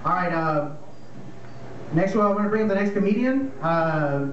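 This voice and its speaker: A man's voice: sits high, lively intonation, normal speed. A man hosting a comedy night in a small bar, making loose, rambling announcements and introducing the next comedian. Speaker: comedy show host. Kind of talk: emceeing a comedy open mic. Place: small dim bar stage, indoors. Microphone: handheld mic, filmed by a far camera. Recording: echoey bar filmed from far, lo-fi, noisy.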